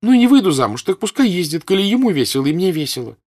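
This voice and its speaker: Man voicing a teenage girl, high-pitched, eager, insistent, husky, audiobook character. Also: sing-song, moderate pace, exaggerated voice. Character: lively teenage girl, playful and stubborn.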